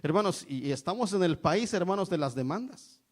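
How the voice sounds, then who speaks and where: A high-pitched middle-aged man from Mexico delivering an evangelical sermon. He preaches emphatically and peppers nearly every phrase with a call to his brothers and sisters. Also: lively intonation, brisk. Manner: repeats "hermanos" constantly, emphatic preaching.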